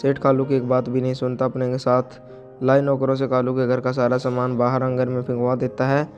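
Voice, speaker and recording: Brief: male story narrator, monotone reading, faint music bed. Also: mid-range voice, brisk.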